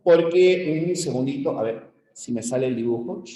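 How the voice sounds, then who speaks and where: A man from Peru teaching a university-prep lecture, explaining step by step and checking in with the class through quick questions. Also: a little high, warm tone. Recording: echoey room.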